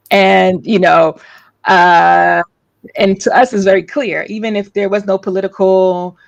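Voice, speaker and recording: A woman's voice: fairly low pitch, vocal fry, no room sound. A woman hosting a livestream discussion, talking casually with many fillers and restarts.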